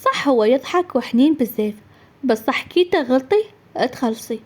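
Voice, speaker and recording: A young woman narrating her own story in a lively, conversational way. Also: high-pitched, normal speed. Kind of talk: first-person story narration.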